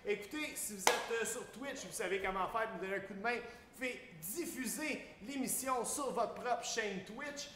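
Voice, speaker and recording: A man's voice: sits high, normal speed, hardly any pauses, sharp tone. A man with a Quebec French accent hosting a live cooking stream in casual, slangy talk peppered with English exclamations. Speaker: host of a live online cooking show. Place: large catering kitchen. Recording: echoey room with faint noise.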